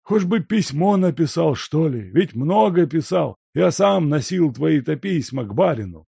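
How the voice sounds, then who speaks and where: A man voicing a fussy, grumbling old male house servant who laments and frets in a high, agitated voice. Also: lively intonation, unhurried, creaky, dark tone, slightly rough, dry recording, exaggerated voice. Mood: fretful.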